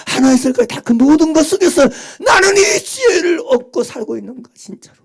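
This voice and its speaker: A male pastor giving a Sunday morning sermon, firing off rhetorical questions and swinging from hushed words to impassioned shouts. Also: on the high side, creaky.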